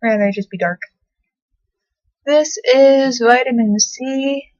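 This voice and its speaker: A woman's voice: on the high side, takes it slowly, a little mellow, dry recording. A young woman casually chatting through her skincare and makeup routine in her bedroom, rambling and swearing offhandedly. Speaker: beauty vlogger. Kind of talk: casual makeup tutorial chat. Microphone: laptop built-in mic. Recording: dull dry laptop mic audio.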